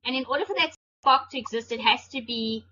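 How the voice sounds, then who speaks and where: A bright-toned woman chats casually as a podcast co-host. She jumps in quickly and jokes along. The sound is dull and lo-fi, with a faint hiss under it. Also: on the high side. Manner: chatty, quick to jump in and joke. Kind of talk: casual chat.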